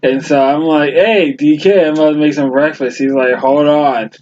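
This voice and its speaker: A laid-back man co-hosting a casual podcast, his voice sitting a little high. The audio is dull and lo-fi, and a faint noise runs underneath. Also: steady tone, moderate pace, a little mellow. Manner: laid-back, chiming in with short agreements. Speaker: podcast co-host. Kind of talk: casual chat.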